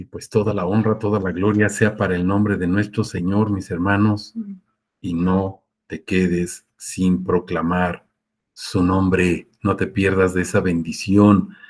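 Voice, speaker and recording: A man's voice: deep voice, steady tone, slow pace. A man preaching a sermon in a conversational way, speaking, often checking with listeners and acting out quotes. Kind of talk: sermon with live Q&A.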